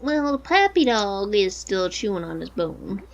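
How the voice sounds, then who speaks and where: Woman casually playing a game, medium pitch. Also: big pitch swings, unhurried, muffled recording, slight background noise. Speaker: game player. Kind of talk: casual gameplay chat and reading game text aloud.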